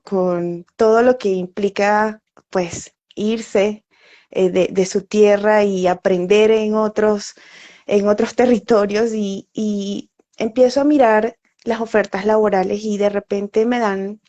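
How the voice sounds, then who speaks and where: This is a medium-pitched, dark-toned woman's voice: a Venezuelan oncology nutritionist living in Bogotá, talking casually on a live stream at home. She laughs a lot and uses plenty of fillers, and the audio is dull and lo-fi.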